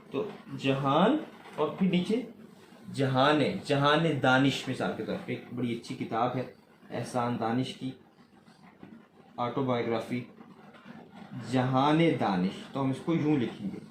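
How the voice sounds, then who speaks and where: A man's voice: a little high, a little mellow. Male teacher with a Pakistani Urdu accent, children's lesson, repeats words patiently, faint room hum behind. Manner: patient, repeats each word slowly and asks questions back. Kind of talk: recorded language lesson for children. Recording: echoey room, faint ambient noise.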